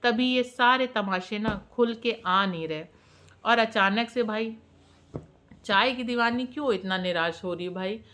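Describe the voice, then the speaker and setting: A woman's voice: a little high, unhurried, bright, forceful tone. A woman, running a teasing, sarcastic gossip commentary as a reaction vlogger.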